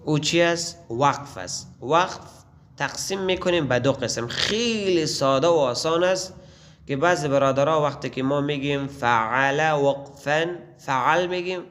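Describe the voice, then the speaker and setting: Male Quran teacher, slow drill. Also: on the high side, a bit bright. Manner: slow drawn-out letter recitation, then patient explanation. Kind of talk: Quran reading lesson.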